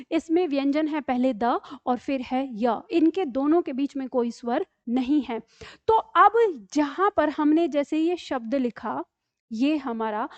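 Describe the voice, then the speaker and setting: A woman's voice: sits high, dry recording, muffled recording. A woman teacher giving an online Hindi grammar lesson, explaining step by step and often checking that students follow.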